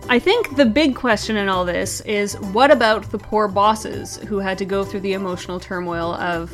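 A woman hosting a scripted comedy news segment with a brisk, wry, deadpan delivery. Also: medium pitch, faint music behind. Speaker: comedy show host.

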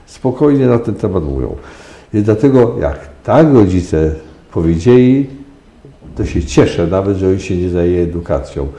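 Deep-voiced older man lecturing emphatically. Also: expressive, normal speed, warm tone, reverberant. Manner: lecturing, emphatic, with frequent hesitations. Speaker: sexologist guest. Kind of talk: radio interview answers.

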